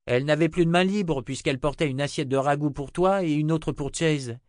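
A man's voice: fairly high pitch, brisk, a little mellow, no echo, clean studio sound, voice pushed up, close to an everyday voice. A man voicing a cheerful, bold little girl in an audiobook, with a raised childlike voice.

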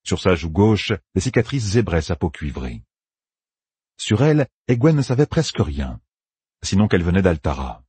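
A man reading a fantasy novel aloud as audiobook narrator, expressive and voicing each character. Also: low-pitched, normal speed, breathy edge, no echo.

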